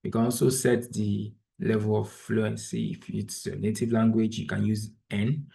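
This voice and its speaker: A Nigerian trainer whose first language is Igbo patiently walks through an online tutorial step by step over a video call, sharing his screen. His voice is lowish, creaky and dark-toned, level and moderately paced, with slight background noise.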